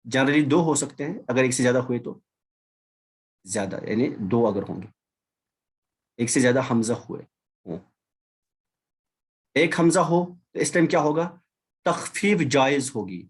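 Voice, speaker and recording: A man's voice: mid-range voice, expressive, a little slow, pauses often, husky. A man gives an Arabic lesson over a video call. He explains patiently, repeats each key term and slips English words into his sentences. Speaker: Arabic teacher. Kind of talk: online class lecture.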